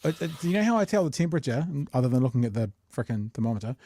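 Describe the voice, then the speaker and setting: A man's voice: medium pitch, very animated, racing, warm tone, no room sound, studio quality. A middle-aged man with a New Zealand accent hosting a casual podcast, chatting in a jokey, rambling, slangy way. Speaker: podcast host. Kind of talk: casual live chat show.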